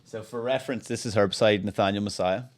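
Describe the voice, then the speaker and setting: A man's voice: on the low side, steady tone, fast talker. A young man, a podcast co-host, telling a funny story in casual chat with lots of laughing and swearing.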